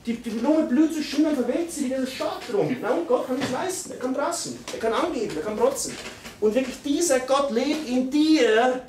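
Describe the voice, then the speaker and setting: A man preaching a live church sermon, emphatic and repetitive, with sudden loud bursts. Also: very high-pitched, big pitch swings, fairly quick, few pauses, a little hiss or hum. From Austria. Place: church hall. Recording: echoey hall, mic from far off.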